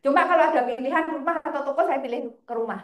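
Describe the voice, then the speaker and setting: A woman, a financial planner telling lively stories in a casual interview, often laughing. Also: sits high, very fast. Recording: roomy echo.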